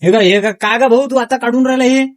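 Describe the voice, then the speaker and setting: Brief: man, high rapid voice, jokey bargaining customer. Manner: teasing, haggling, plays a poor villager. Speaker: customer in a comedy shop sketch. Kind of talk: comic village banter.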